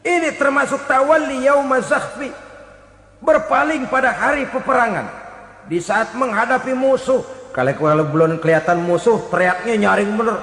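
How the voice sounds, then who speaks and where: A man preaching a sermon, animated, slipping into short mimicking asides. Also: very high-pitched, moderate pace. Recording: echoey hall with long reverb.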